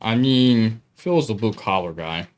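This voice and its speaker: A young man running a tabletop game as its game master. His voice climbs and dips all over the place, and he slows right down for the dramatic bits. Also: on the low side. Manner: lively, drawn-out dramatic narration.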